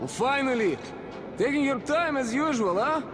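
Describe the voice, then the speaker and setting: A man's voice: very high-pitched, expressive, normal speed, music in the background. An actor playing a cocky male smuggler who calls out teasingly in a video game. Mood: brash.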